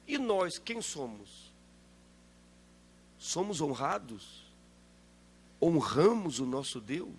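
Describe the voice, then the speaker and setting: A man with a high voice delivers a sermon as a pastor. He presses the congregation with rhetorical questions and builds to forceful, loud peaks of emphasis. A faint hum sits under his voice.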